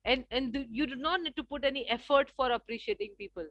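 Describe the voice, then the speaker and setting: Indian-English woman workshop trainer, fairly high voice, dry close sound, expressive delivery. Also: fast talker, dry recording, muffled recording. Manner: expressive, acts out contrasting voices. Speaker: communication trainer. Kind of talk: live workshop lecture.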